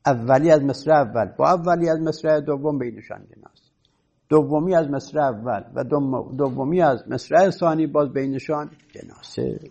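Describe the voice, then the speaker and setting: Raspy male teacher lecturing a class, slow careful explaining. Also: fairly high pitch, darkish tone, highs cut off. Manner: explains patiently, reads Arabic text slowly. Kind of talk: classroom lecture on Arabic rhetoric.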